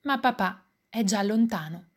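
Woman reading a kids' picture book, slow and expressive, educator vibe. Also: mid-range voice. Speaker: educator and musician.

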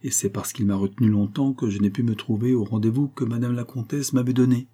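Sly dry henchman guy, man reading him, low mellow voice, bit husky. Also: steady tone, fast talker, lightly acted. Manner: dry, mocking, matter-of-fact. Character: sly sardonic male Portuguese henchman.

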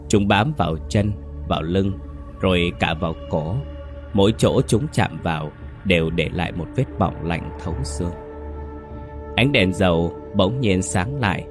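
A man narrating a scripted horror story in a measured, suspenseful way. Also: low voice. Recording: dry voice with faint music under it.

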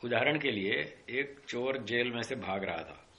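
A middle-aged man with a bright, ringing voice teaches a class on yoga philosophy. He explains slowly, comes back to the same key terms, and acts out the people in his little stories. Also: mid-range voice, expressive, dull audio. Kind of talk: classroom lecture with anecdotes.

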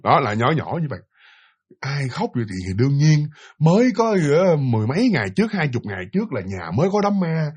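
A man's voice: on the high side, very animated, fairly quick, a little mellow, slightly rough, lo-fi sound. A man telling a ghost story in a chatty way, speaking straight to his listeners. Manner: chatty, addresses listeners directly. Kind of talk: casual spoken ghost story.

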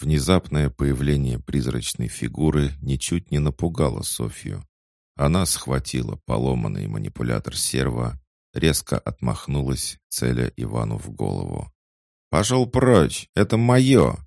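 A man narrating a science fiction audiobook in a measured, even storytelling manner. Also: extremely low pitch, creaky, no room sound, clean studio sound. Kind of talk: scripted narration.

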